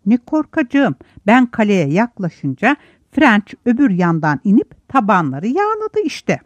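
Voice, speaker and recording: A woman's voice: mid-range voice, big pitch swings, measured pace, dry recording, muffled recording. A woman voicing a small boy who brags and defends himself. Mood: boastful. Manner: bragging, defensive. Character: small boastful boy, the lowest private.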